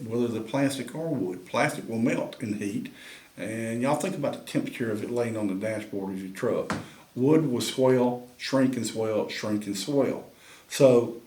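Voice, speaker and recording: A man's voice: medium pitch, darkish tone, echoey room. Folksy man demonstrating turkey calls. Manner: folksy, drawling, addresses viewers as y'all. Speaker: turkey call maker and instructor. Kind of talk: demonstration tutorial.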